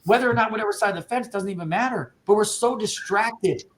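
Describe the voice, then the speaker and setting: A man who owns an insurance agency, giving an energetic, casual training talk to his agents over a video call, fired up and saying dude and bro. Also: high voice, fast.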